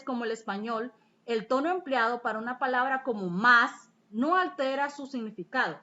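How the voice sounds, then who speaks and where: A woman teacher reading a language lesson aloud in a steady, explanatory way. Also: high voice, dull audio.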